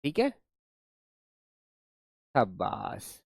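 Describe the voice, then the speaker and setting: A man's voice: extremely slow, no echo, clean studio sound. A man teaching an online class, explaining words playfully, repeating his questions and praising his students.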